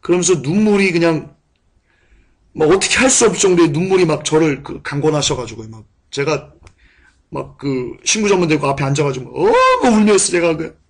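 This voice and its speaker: A man preaching a sermon and telling a personal testimony, moving between hushed, quiet recollection and loud, passionate outbursts. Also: a little high, brisk. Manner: impassioned, swings from hushed to shouting.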